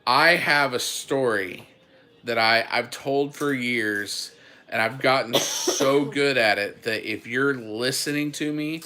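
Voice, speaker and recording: A young man hosts a relaxed family livestream from his homestead. He greets viewers by name and pokes fun at himself, and his voice has a bright edge. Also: mid-range voice, takes it slowly. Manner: chatty, greets viewers by name, self-teasing. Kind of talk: casual livestream chat.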